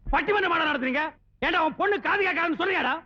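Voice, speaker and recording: An actor playing a blustering husband who shouts threats in comic film dialogue. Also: male voice, very high-pitched, lively intonation, very fast, background noise. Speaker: angry husband. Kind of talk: 1990s film comedy dialogue. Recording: dull old film soundtrack.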